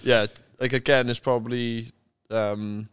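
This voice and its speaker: A man's voice: mid-range voice, little pitch movement, measured pace, clean tone. A man with a South Welsh accent chatting casually and candidly as a podcast guest, telling stories in an informal, sweary, matter-of-fact way. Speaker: interview guest, retired rugby player.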